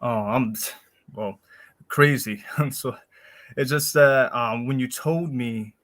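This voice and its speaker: A man joins an online panel late and sounds flustered as he rambles. His pitch sits in the middle range. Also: slow, a bit bright. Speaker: panel guest.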